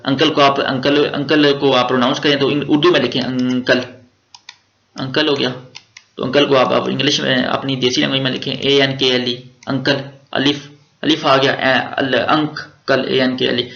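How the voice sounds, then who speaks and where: A man's voice: medium pitch, level tone, moderate pace, creaky, fairly bright tone, reverberant, lo-fi sound. A man with a Pakistani Urdu accent giving an exam-prep grammar lecture, repeating words and spelling them out letter by letter, with casual jokey slang. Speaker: grammar teacher.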